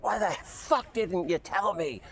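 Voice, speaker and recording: Shrill, indignant older woman patient, always angry, put on by a man telling a story, pitched well up. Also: expressive, unhurried, breathy edge, heavily acted. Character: grumpy, furious older woman hospital patient.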